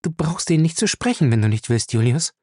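A man reading a novel aloud, voicing a firm, quick-witted young woman in a raised voice. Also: sits low, animated, warm tone, slightly rough, dry recording, clean studio sound, pitched above the performer's own voice. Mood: urgent.

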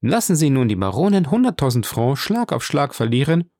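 A man's voice: medium pitch, big pitch swings, a little fast, a little mellow, no room sound, studio quality, voice pushed up, close to an everyday voice. A man voicing an earnest young vicomte in an audiobook, raising his voice to play him. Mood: eager. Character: young eager male vicomte.

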